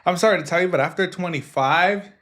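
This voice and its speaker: A man's voice: high voice, fast talker, a bit bright. A man in his twenties hosting a podcast, chatting casually and joking with lots of fillers. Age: 20s. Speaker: podcast host. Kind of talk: casual chat.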